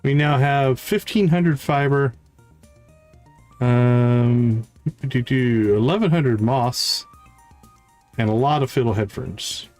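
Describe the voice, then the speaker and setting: Slow and a little mellow, this game streamer's medium-pitched voice pauses often as he casually talks through his live gameplay. He mutters short remarks to himself and repeats words as he thinks, over background music.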